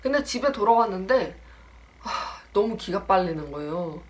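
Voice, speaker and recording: A woman's voice: medium pitch, moderate pace. A young woman in her twenties telling a casual story about a friend, acting out the lines in different voices. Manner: animated, acts out the quoted lines in voices. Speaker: storytelling vlogger.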